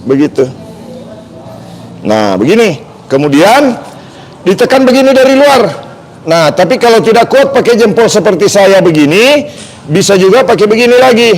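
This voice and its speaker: A man's voice: sits high, sing-song, moderate pace, long pauses, low-quality recording. A man with an Indonesian accent demonstrating reflexology massage on a live stream, chatty and joking as he repeats each instruction.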